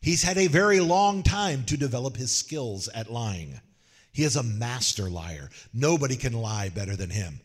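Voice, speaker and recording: A man preaching a sermon in a folksy, joking way, telling animated stories. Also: medium pitch, moderate pace, long reverb tail. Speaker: pastor.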